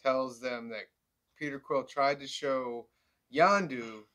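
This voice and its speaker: A man co-hosting a casual review podcast, recapping the plot in a relaxed way with fillers and quoted lines. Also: mid-range voice, takes it slowly. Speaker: podcast co-host.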